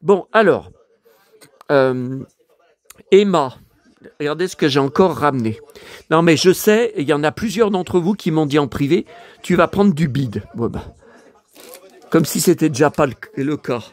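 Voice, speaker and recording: Hoarse man chatting casually to viewers. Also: fairly high pitch, animated, unhurried, long pauses. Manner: exclamatory, muttering to himself while browsing. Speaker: vlogger showing his purchases. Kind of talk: casual vlog chat to viewers.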